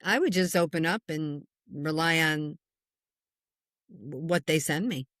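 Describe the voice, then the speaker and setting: A middle-aged woman, a spiritual medium, answering interview questions in an animated storytelling way, acting out what people said. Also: low voice, measured pace, no echo, clean studio sound.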